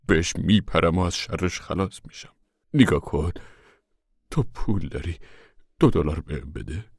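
A man's voice: low-pitched, animated, vocal fry, husky, no echo, clean studio sound, heavily acted. A man voicing a sorrowful, guilt-ridden middle-aged man with a weary, heavy-hearted way of pleading.

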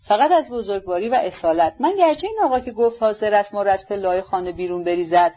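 A woman reading the lines of a proud, blustering young writer in an audiobook, loud and declamatory. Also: mid-range voice, animated, lightly acted. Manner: loud, declamatory self-justifying. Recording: dull lo-fi audiobook recording.

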